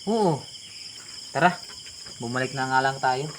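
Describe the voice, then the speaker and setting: A man's voice: mid-range voice, animated, a little slow, a bit bright, a little hiss or hum. A man playing a lonely, friendly cousin who chats casually and teases. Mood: startled. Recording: outdoors at night with crickets and insects.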